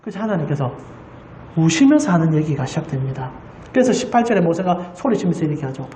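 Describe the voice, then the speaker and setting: A woman's voice: sits low, sing-song, fast, dark tone, slight background noise. A woman pastor preaching a Sunday sermon with passion, putting rhetorical questions to the congregation. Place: church sanctuary. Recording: roomy church hall echo.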